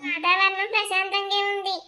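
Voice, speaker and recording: A woman's voice: very high-pitched, little pitch movement, moderate pace, bright, forceful tone, a little hiss or hum, full character voice. A woman voicing a suspicious young wife. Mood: probing. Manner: probing, pointed. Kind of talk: cartoon voice acting.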